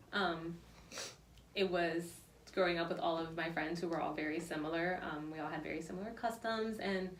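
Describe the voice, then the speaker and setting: A woman from Miami answering interview questions in a reflective way with frequent fillers. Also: on the low side. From Miami, Florida. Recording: roomy echo, distant from the mic.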